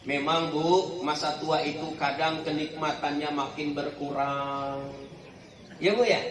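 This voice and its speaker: High-voiced preacher man, echoey hall. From Palembang, Indonesia. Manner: keeps asking the crowd for agreement. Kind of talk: humorous sermon. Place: community hall gathering. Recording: echoey hall, distant mic, crowd.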